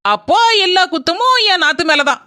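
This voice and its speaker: Cartoon casting: hot-tempered young daughter-in-law with a Kanyakumari Tamil accent, high bright voice, blunt and sarcastic. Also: female voice, sing-song, a little fast, full character voice. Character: sharp-tongued young daughter-in-law, quick to anger. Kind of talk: cartoon voice acting.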